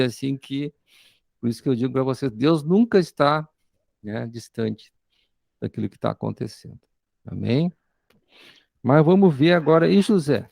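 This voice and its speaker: A male preacher with a Brazilian accent and a strongly gravelly, fried voice delivers a sermon, reading scripture and unpacking it phrase by phrase. He keeps checking in with his listeners through short tag questions. The recording is dry and close, with little room sound. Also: mid-range voice, darkish tone, dry recording. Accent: Brazilian Portuguese. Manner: tags nearly every phrase with "né?" and "amém?"; reads scripture aloud and then explains it slowly.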